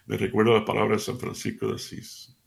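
A middle-aged man hosting a radio devotional, telling an anecdote in an animated way and speaking to his listeners as family. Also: normal speed, creaky. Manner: addresses listeners warmly as family; animated storytelling, pitch jumps up for emphasis. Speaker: radio show host.

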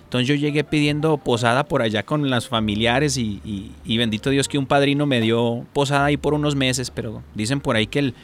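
A man's voice: mid-range voice, a little fast, hardly any pauses, a little hiss or hum. Mexican man telling his story. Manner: rambling storyteller, many fillers and restarts. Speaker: guest. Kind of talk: personal testimony on a talk show.

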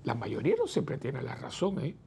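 Gravelly-voiced priest talking with his listeners. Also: mid-range voice, huge pitch swings, normal speed, warm tone, slight background noise. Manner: chatty, asks the listeners rhetorical "¿no?" questions; acts out the people he quotes. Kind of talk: conversational preaching talk.

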